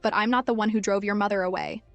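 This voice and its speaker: A woman's voice: medium pitch, fairly even intonation, quick pace, no echo, faint music behind, close to an everyday voice. A woman voicing a two-faced scheming young woman who sounds sugary but turns defensive. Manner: sugary on top, defensive and stammering.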